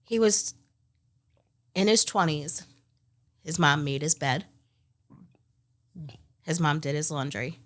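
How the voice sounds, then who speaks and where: Blunt, low-voiced woman restaurant manager. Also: takes it slowly, pauses often. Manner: blunt and direct. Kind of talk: casual talk show chat.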